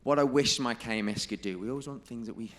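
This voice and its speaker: A man giving a presentation to a live audience, emphatic and stressing key figures and quotes by repeating them slowly. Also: mid-range voice, fairly bright tone. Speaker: conference presenter. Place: conference room.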